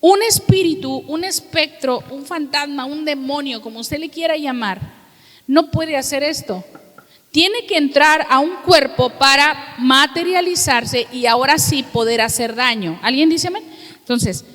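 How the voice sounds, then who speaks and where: A woman pastor delivers a sermon in a high voice, putting questions to her congregation and reading scripture with slow emphasis. Her voice rings with the long reverb of a church hall. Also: a bit bright.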